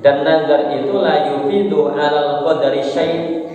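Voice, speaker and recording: Javanese guy preaching, bit high voice, big echoey mosque, mic far away. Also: unhurried. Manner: lively, switches into Javanese and Arabic quotes. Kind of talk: mosque sermon. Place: mosque hall.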